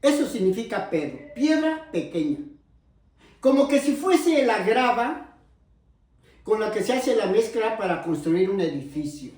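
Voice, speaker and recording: Echoey, distant male preacher, unhurried. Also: sits high, very animated, darkish tone. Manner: explains slowly, calls listeners brother, repeats phrases for emphasis. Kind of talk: sermon. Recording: very echoey, from far off the mic.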